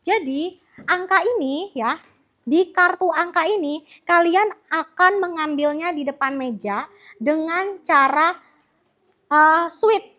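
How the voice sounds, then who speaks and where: A young woman teaching a primary school class, her voice very high and bright. She speaks at an unhurried pace, upbeat and coaxing as she calls pupils up one by one. The sound is of a classroom lesson. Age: young adult. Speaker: student teacher.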